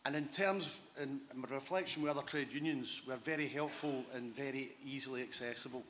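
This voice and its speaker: A Scottish man addresses a union conference formally, in a mid-pitched voice. He is measured and pauses between phrases. A little background noise sits behind him. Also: a bit bright. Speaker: union regional official, delegate. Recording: faint background ambience noise.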